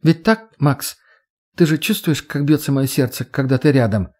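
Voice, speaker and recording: A man's voice: mid-range voice, moderate pace, darkish tone, natural voice. Anfisa, a man voicing a mocking young woman. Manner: teasing, brash, swearing.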